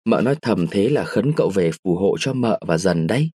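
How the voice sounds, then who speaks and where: A man voicing a gentle, sorrowful young mother. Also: fairly low pitch, animated, brisk, breathy edge, dry recording, clean studio sound, pitched below the performer's own voice. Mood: sad gentle. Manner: soft, sad, sometimes sharp. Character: young widowed mother, gentle but scolding.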